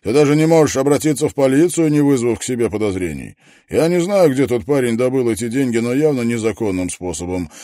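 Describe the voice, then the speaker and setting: A man reading aloud plays a menacing male hunter who mocks and gloats, loud and taunting. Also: mid-range voice, animated, fast talker, no room sound, clean studio sound, voice pushed up, natural voice. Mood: gloating.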